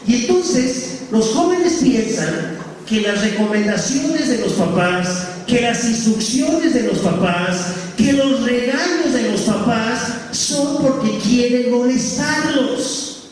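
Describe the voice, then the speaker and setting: A male pastor preaches with emphasis to young people, his voice sitting high. He is heard from a distance, in a church hall with a long, booming echo. A faint ambience runs underneath. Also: lively intonation, takes it slowly, slight background noise. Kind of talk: sermon to youth. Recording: echoey hall from far off.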